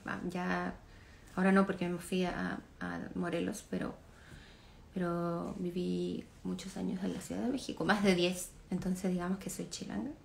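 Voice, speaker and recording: A woman in her thirties chatting casually with fans on a phone livestream from her living room, relaxed and chatty, laughing often and trailing off with fillers. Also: fairly low pitch, vocal fry, a little hiss or hum. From Chile. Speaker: singer answering fans on a livestream. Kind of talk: casual chat reading comments. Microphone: phone camera at arm's length.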